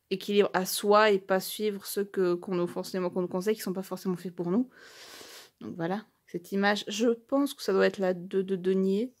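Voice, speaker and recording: A woman talking casually through an unboxing on her channel. She gushes over each small item, with lots of fillers and restarts, and slows down to stumble through English phrases. Her voice sits at a middle pitch. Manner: gushing, hesitant, many fillers and restarts. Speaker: YouTuber unboxing a tarot deck.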